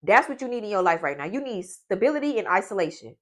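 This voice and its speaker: A woman's voice: medium pitch, big pitch swings, quick pace. A woman, giving a blunt, profane motivational pep talk in a vlog. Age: 20s. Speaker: vlogger.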